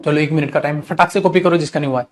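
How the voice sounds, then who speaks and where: A male English teacher giving a live online grammar class, explaining with rhetorical questions, reading example sentences very slowly and calling the students beta. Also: fairly high pitch. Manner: addresses students affectionately as beta.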